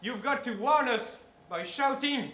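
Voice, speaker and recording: A man acting a co-commentator in a student stage play who coaches the audience to shout back. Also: very high voice, lively intonation, measured pace, full character voice. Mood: coaching. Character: cheerful male co-commentator leading the crowd. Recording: echoey hall, faint noise.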